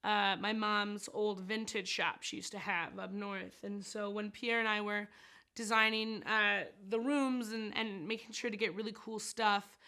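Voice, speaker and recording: A woman's voice: medium pitch, fairly even intonation, a little slow, sharp tone. A woman chatting casually about making her film, giggly and rambling with plenty of fillers. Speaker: actress and set designer interviewed about her film. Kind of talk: casual chat.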